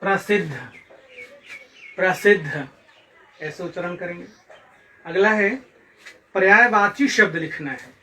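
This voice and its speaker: A male Hindi teacher with a Bihari accent, giving a recorded online lesson and repeating words slowly to drill their pronunciation. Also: sits high, bright, forceful tone. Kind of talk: recorded online class lecture. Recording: distant mic with faint background noise.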